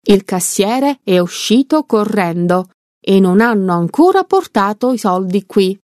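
A woman voicing an impatient, bumbling male bank robber who shouts orders, in a read-aloud story. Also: medium pitch, animated, unhurried, dry recording, clean studio sound, lightly acted. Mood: panicked.

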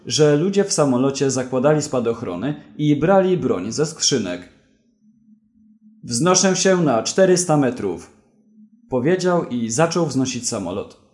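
Male audiobook narrator, slow, lively intonation. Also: mid-range voice.

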